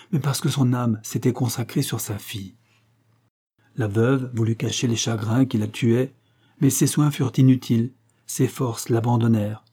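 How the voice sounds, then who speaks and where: A man reading a classic novel aloud, in a measured, solemn narration. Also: medium pitch, mellow, breathy edge. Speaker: audiobook reader. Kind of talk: scripted narration of a 19th-century novel.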